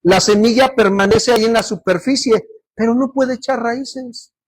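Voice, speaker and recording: Pastor guy preaching, high husky voice, keeps quizzing the church, dry sound. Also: moderate pace, no echo. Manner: asks the congregation questions and waits for answers. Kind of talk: sermon. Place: church service.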